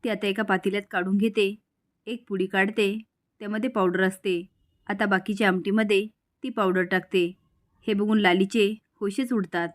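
A woman reading a story recap of a television serial, voicing every part herself in a steady storytelling way. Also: mid-range voice, moderate pace. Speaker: narrator.

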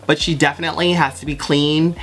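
A young adult American vlogger with an androgynous voice, telling a story in casual, sassy, animated chat with plenty of swearing. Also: mid-range voice, brisk. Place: small bedroom, indoors. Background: background music.

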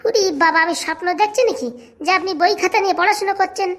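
A squeaky, eager servant man. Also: quick pace, a bit bright. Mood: hurried. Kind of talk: comic cartoon voice acting.

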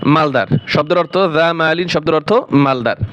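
Teaching Quran recitation, a man speaks briskly in a high-ish, fairly bright tone, with a little hiss or hum on the recording. The lesson is slow and spelled out: letters named one by one, syllables stretched, words repeated several times before he explains them.

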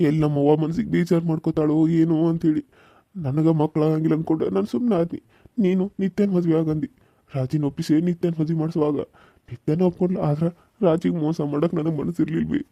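A man plays a betrayed young village husband in a cartoon serial, anguished and bitter, with a North Karnataka accent. His voice is fairly high and very dark. The recording is dry and a bit muffled. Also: steady tone, fast talker, creaky, dry recording. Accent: North Karnataka Kannada. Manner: anguished, emotional. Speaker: voice actor.

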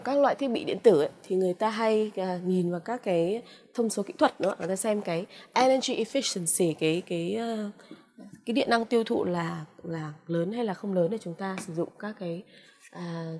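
A woman English teacher with a Vietnamese accent, slowly repeating vocabulary words and explaining them in a drawn-out, coaxing classroom way. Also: medium pitch, mellow. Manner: frequent "ok" and "à" fillers, coaxing "đúng không ạ?". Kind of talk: vocabulary lesson with pronunciation drills.

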